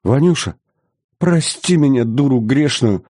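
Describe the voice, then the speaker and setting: Man doing an old princess, gasping, tearful pleading, higher pitched, audiobook. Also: sing-song, moderate pace, warm tone, breathy edge, dry recording, studio quality. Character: elderly grand princess, grandmother, guilty and pleading. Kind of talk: audiobook character voice.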